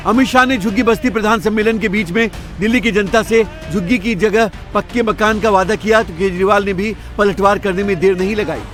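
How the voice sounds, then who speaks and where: A man's voice: high voice, a little fast, few pauses, a bit bright, faint music behind. A man reading scripted news narration.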